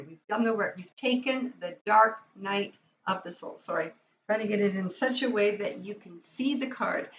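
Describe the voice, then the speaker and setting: A woman's voice: mid-range voice, slight background noise. A woman hosting a live tarot reading, chatting with enthusiasm and speaking straight to her viewers. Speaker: tarot reader and livestream host. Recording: dull lo-fi sound.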